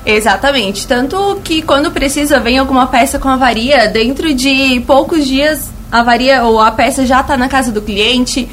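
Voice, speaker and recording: A woman's voice: high voice, normal speed, hardly any pauses, a little hiss or hum. A woman with a thin, reedy, slightly cracked voice, chatting colloquially as a store representative promoting her shop in a radio interview. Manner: colloquial, fond of diminutives and emphatic repetition. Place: radio studio.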